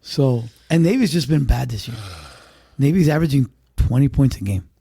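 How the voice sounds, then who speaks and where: A man's voice: medium pitch, moderate pace, creaky, mellow, slightly rough. A man co-hosting a sports podcast, talking emphatically and repeating his points in casual chat. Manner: emphatic, repeats himself, betting talk. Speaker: podcast co-host.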